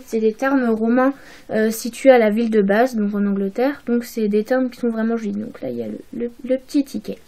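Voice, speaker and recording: A young woman talks through her souvenirs in a casual home haul video. She hesitates often, filling gaps and restarting phrases. Her voice sits a little high yet sounds soft and mellow. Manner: hesitant, many fillers and restarts. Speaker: vlogger.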